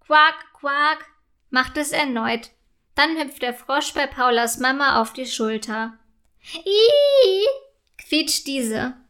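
A woman reading a children's story aloud in a gentle, measured way. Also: high-pitched, fairly even intonation.

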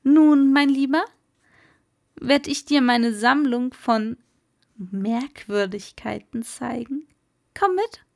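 A woman voicing a sly, jovial old male merman in a storybook reading, with high, loud, lively exclamations. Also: slow pace, vocal fry, pauses often, full character voice.

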